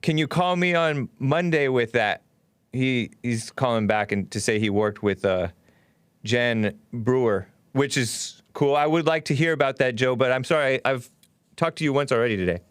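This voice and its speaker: Smooth male call-in show host. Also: medium pitch, moderate pace, no room sound. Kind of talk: casual call-in talk.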